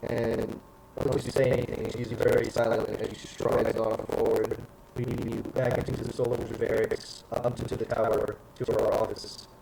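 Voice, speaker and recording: A man narrating as game master, rambling and hesitant, often pausing with fillers. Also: mid-range voice, little pitch movement, vocal fry, mellow. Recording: noisy background.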